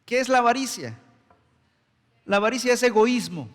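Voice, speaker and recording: A man's voice: very high voice, lively intonation, moderate pace, fairly bright tone, big-room sound. A man preaching a sermon as pastor, emphatic and full of rhetorical questions, recorded in a church sanctuary.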